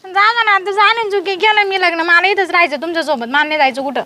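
Cheeky stubborn young bride played by a woman, very high-pitched, bright, pleading, comedy sketch. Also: quick pace, dry recording.

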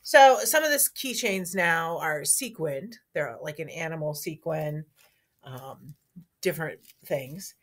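Hoarse woman cheerfully announcing to kids. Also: low voice, animated, slow pace. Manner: friendly, chatty, talking to young kids. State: hoarse morning voice. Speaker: school staff member giving announcements. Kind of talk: school morning announcement video for young children. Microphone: speaking to a camera.

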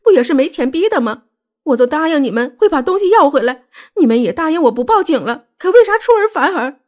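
Woman doing a young wife on the edge, high shrill screaming, tearful rage; audiobook. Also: sing-song, fairly quick. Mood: shrill hysteria.

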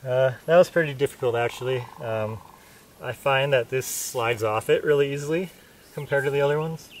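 A mid-range male voice at a moderate pace explains in plain terms while he puts camping hammers through a casual trial. The setting is open dirt in a pine forest, and the audio comes from a far-off camera microphone, faintly noisy.

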